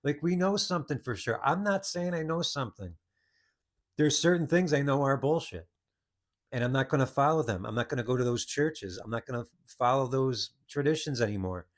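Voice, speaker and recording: A man's voice: mid-range voice, lively intonation, fairly quick. A man hosting a podcast, telling a story in a rambling, casual monologue with many restarts. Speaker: podcast host.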